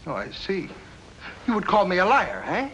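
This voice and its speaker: An actor playing a smug, scheming foreign diplomat in a 1950s radio drama. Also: male voice, high voice, huge pitch swings, moderate pace, a bit bright, slight background noise, heavily acted, rough recording. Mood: taunting. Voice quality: smug, mocking.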